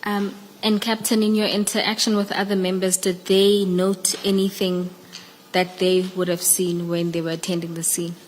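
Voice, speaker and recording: A woman's voice: fairly low pitch, little pitch movement, moderate pace. A woman with a South African accent formally questioning a witness at a hearing. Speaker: evidence leader questioning a witness. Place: large indoor hearing room. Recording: echoey hearing room, background noise.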